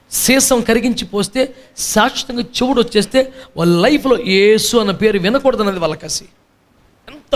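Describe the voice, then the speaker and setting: A male pastor preaching a sermon, emphatic and repetitive, firing rhetorical questions at the congregation with mocking asides. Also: high voice.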